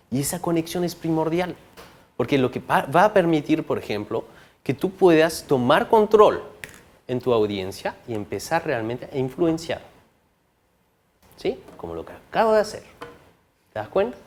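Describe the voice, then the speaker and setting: A man teaching a recorded course on public speaking, animated, often checking in with tag questions and varying his loudness for effect. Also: fairly high pitch, a little hiss or hum. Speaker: course instructor.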